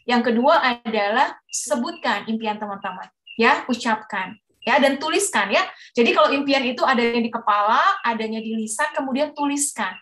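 A woman in her thirties speaks in a high, bright register, telling her listeners about her own goals in a chatty, animated way. She gives a motivational webinar talk over a video call from home. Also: moderate pace.

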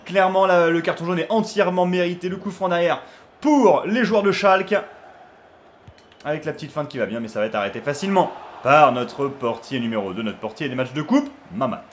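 A young man chatting casually over his football video game, filling gaps with hesitations and shouting with excitement at big moments. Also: a little high, a little fast, a little hiss or hum. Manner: chatty, lots of fillers, bursts of excited shouting on goals. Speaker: gaming YouTuber. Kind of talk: casual gameplay commentary.

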